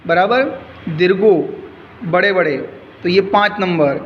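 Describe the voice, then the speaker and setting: A school teacher with a high voice gives a recorded Sanskrit lesson explained in Hindi, going word by word and repeating each word and its meaning in a slow, patient rhythm. The audio is dull and lo-fi, with a long reverb trailing behind him and faint noise underneath.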